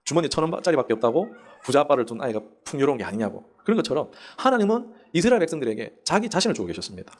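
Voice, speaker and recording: A male pastor preaches a Sunday sermon conversationally in a church sanctuary, quizzing the congregation and acting out quoted prayers and voices in his stories. His mid-range voice is sing-song and rapid-fire, with hardly any pauses.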